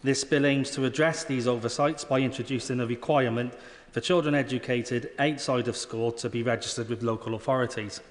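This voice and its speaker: A man's voice: medium pitch, fairly even intonation, a little fast. A man with a British accent delivering an earnest, formal prepared speech as a member of parliament in a large debating chamber. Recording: reverberant hall sound.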